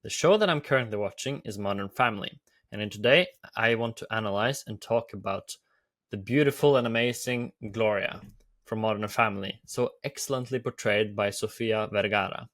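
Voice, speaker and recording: A man's voice: on the low side, moderate pace, a bit bright. A man from Norway with a Norwegian accent, hosting an enthusiastic video commentary with repetitive phrasing. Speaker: YouTube host.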